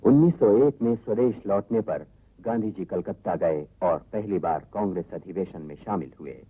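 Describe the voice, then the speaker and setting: A man with a very low, dark voice delivers formal, measured documentary narration. His tone is husky, and the sound comes off an old worn tape. Faint music plays underneath. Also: no echo, rough recording. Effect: old worn tape recording.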